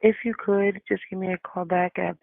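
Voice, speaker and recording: Gravelly woman on a tinny voicemail. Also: mid-range voice, flat delivery, moderate pace, no echo. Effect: voicemail played back over a phone. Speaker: government office caller. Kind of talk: routine callback message.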